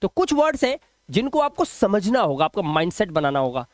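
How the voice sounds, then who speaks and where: A man teaching English pronunciation rules in a slow, repetitive lesson, drawing out example words and asking the class rhetorical check questions. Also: high voice, big pitch swings, no echo, studio quality.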